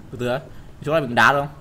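A young man playing a horror game while he talks, yelping and shouting at every scare and muttering quietly when he sneaks around. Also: medium pitch, fairly even intonation, very fast. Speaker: gaming channel host. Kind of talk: horror game let's play commentary.

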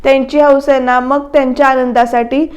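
A woman's voice: high-pitched, flat delivery, brisk, lo-fi sound, close to an everyday voice. A woman voicing an aging mother who pleads with and soothes her husband. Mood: pleading.

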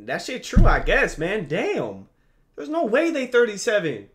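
A man in his twenties streams a reaction from his bedroom, talking through a headset mic. His voice sits high and bright, and it swings up and down a lot. He keeps it loose and slangy, swearing freely. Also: huge pitch swings, unhurried. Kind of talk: casual live reaction commentary.

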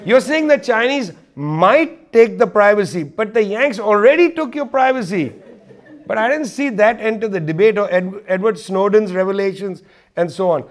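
Male interview guest with a high voice, emphatic and sarcastic in political discussion. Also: expressive, moderate pace. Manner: emphatic, repeats key points; wry, sarcastic asides.

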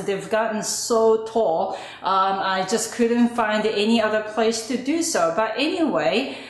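A woman speaks slowly and casually, trailing into ums as she walks through her plants. Her voice carries a strong, roomy echo, as if filmed in a large hard-walled space. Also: mid-range voice. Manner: relaxed, hesitant, lots of ums. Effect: strong echo, as in a big hall. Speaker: gardening vlogger. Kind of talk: casual show-and-tell. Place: indoor spot chosen for space to film tall plants. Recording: echoey room recording.

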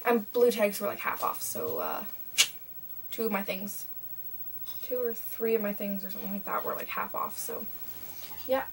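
A young woman from Canada vlogs a haul at normal speed, her mid-range voice swinging hugely in pitch, with frequent pauses and lots of fillers as she rambles chattily. The setting is a small bedroom, and the distant webcam mic leaves a faint hiss.

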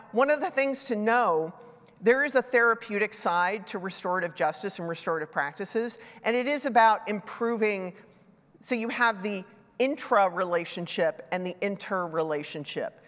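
In a reverberant conference hall with a large, dark stage, a middle-aged woman talks conversationally into a headset mic, her mid-range voice a bit bright. A sinus infection leaves her slightly congested, and she makes self-deprecating asides.

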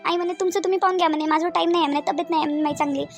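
A woman's voice: very high voice, fairly even intonation, very fast, faint music behind. A woman voicing a lonely young new mother in a Varhadi Marathi accent, speaking in a hesitant, plaintive way in a cartoon. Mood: sad. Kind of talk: cartoon voice acting.

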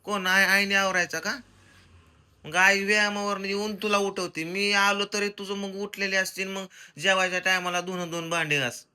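A man's voice: high voice, little pitch movement, moderate pace, smooth. A young man, scolding and teasing his wife in a comic family vlog. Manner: scolding, teasing, loud and bossy. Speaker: comedian vlogger, husband and father.

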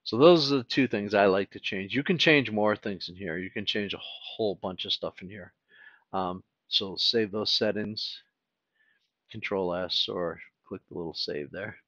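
A man talking through a game tutorial in a relaxed, casual way, thinking aloud with fillers as he clicks along. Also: lowish voice, moderate pace, dry recording, dull audio. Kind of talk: casual screen-recorded tutorial.

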